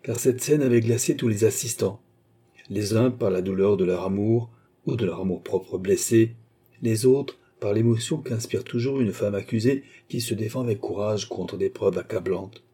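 A male narrator reads a classic novel aloud in a measured, dramatic way. His voice is low, dark and husky, and he tells the story steadily as an audiobook.

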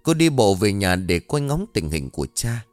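A man, narrating a story in a dramatic, expressive way. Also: fairly low pitch, normal speed, no room sound, faint music behind.

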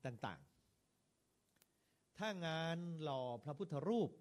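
A man's voice: on the high side, moderate pace. A man, a Buddhist monk, lecturing fellow monks on how to preach, talking in a conversational way with varied stress and rhythm and putting questions straight to his listeners. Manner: varied stress and rhythm, lively rises and falls.

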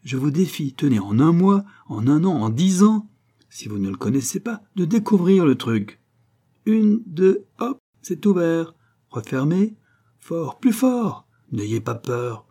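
A man voicing a boastful, gleeful old locksmith who teases and shows off his work in a high, loud, excited voice. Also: normal speed, vocal fry, hardly any pauses, breathy edge.

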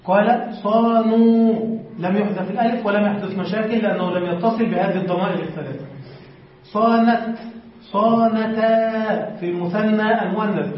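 A man's voice: sits high, fast, a little hiss or hum. A man teaching a class as a sheikh. He reads a text aloud, then explains it and asks his students questions. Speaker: sheikh teaching Arabic morphology. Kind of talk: classroom lecture. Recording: very echoey, distant, dull lo-fi.

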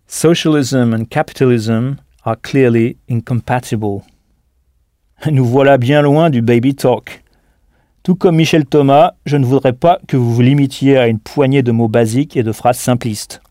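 A man leads a recorded audio language lesson in a mellow, dark-toned voice. He speaks patiently and deliberately, and he spells words out letter by letter. The recording is close and dry. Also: mid-range voice, steady tone, no echo. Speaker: language teacher.

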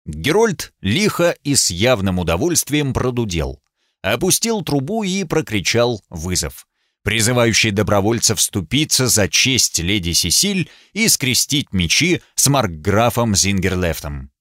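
A man narrating an audiobook in an expressive, animated reading voice, close to a studio mic. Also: lowish voice, a little slow, no echo. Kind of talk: scripted narration.

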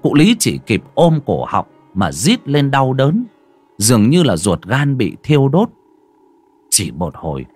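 A man narrating a ghost story theatrically, dropping to a hush and rising sharply. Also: lowish voice, breathy edge, no echo. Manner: theatrical, swings from hushed to loud.

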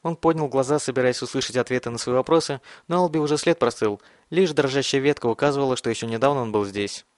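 A man narrating an audiobook in a measured, dramatic reading. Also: medium pitch, no room sound. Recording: dry close studio sound.

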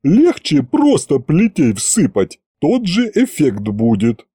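A man's voice: fairly high pitch, wildly swooping pitch, slow pace, mellow, breathy edge, dry recording, voice pushed up, heavily acted. A man doing a dry, sardonic chief accountant woman.

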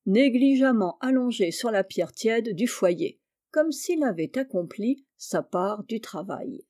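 Woman, story reader, measured narration, mellow dark tone. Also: mid-range voice. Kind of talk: reading a crime short story aloud.

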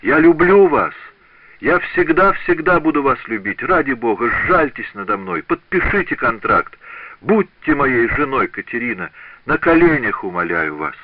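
A man's voice: lowish voice, lively intonation, normal speed, no room sound, narrow, tinny audio. A man voicing a frightened, desperate young male apprentice in an audiobook. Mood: pleading. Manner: stammering, desperate pleading.

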